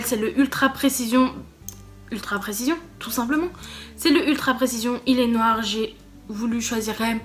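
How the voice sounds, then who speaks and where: A woman beauty vlogger chatting casually through a makeup challenge, bubbly and easily excited as she talks to her viewers. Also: fairly high pitch.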